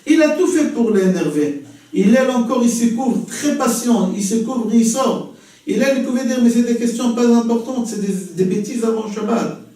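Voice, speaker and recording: Man teaching a torah lesson, fairly high mellow voice, tons of echo, mic far away. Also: normal speed. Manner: lively storytelling, repeats phrases. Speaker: religious teacher. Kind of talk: lesson on the weekly Torah portion. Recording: very echoey room, far from mic.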